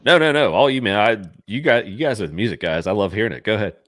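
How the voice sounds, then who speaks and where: A man with a very low voice hosting a casual chat over a video call. He is upbeat but asks his questions in halting bursts, recorded dry and close. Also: fairly bright tone, dry recording.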